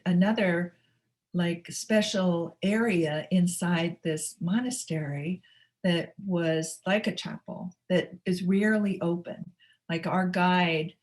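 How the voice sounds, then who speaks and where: A middle-aged woman hosting a spiritual webinar, talking unscripted in a soft, halting way with many fillers and restarts. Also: on the low side. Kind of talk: unscripted teaching talk. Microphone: webinar microphone.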